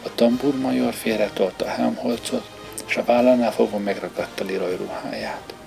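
Man narrating a story, heavy vocal fry, music bed behind. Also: mid-range voice, a little mellow. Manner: measured storytelling. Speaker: audiobook narrator. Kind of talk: scripted narration. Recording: music playing underneath.

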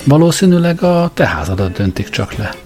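A man reading a storybook and voicing a calm, breezy man who speaks offhandedly and cheerfully. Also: medium pitch, soft background music, pitched above the performer's own voice, natural voice. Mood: nonchalant. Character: calm breezy alien traveller Ford, man.

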